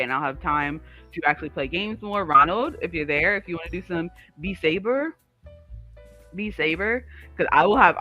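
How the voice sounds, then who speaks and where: A man with a sharp, rather high voice co-hosts a livestream in lo-fi sound. He chats casually with live viewers, rambling and drifting into digressions.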